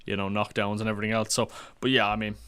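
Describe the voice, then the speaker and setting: A man's voice: on the low side, flat delivery, racing, a bit bright, smooth. A man chatting casually about fantasy football on a podcast, opinionated and full of restarts. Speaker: podcast panelist.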